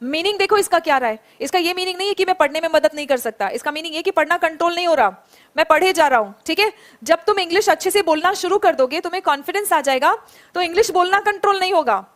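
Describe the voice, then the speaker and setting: A woman teaching an online spoken English class, saying example sentences slowly and praising her students by name. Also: very high voice, lively intonation, a bit bright.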